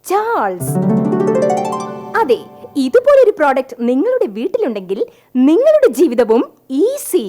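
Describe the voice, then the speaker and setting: Woman as a smug wife in a mock advert, theatrical sales pitch, stage comedy skit. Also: wildly swooping pitch, a little slow, long pauses, warm tone, faint music behind, heavily acted. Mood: boastful. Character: smug woman pitching her husband like a product.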